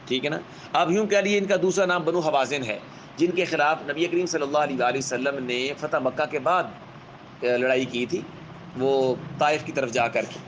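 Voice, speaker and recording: A man giving a religious history lecture in with a tinge, speaking in a measured storytelling manner and often checking in with his listeners. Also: on the high side, lo-fi sound, a little hiss or hum. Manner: measured, keeps adding a checking "alright?" tag; vivid storyteller, acts out quoted speech. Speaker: Islamic scholar lecturer.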